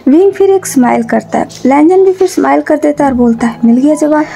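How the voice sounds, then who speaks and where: A woman narrating a fanfiction story in a steady, plain storytelling way. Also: sits high, a little fast, gravelly.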